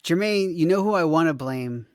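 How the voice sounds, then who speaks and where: A man's voice: on the high side, expressive, normal speed. A man co-hosting a sports podcast, blunt and pressing his point in casual debate. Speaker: podcast co-host.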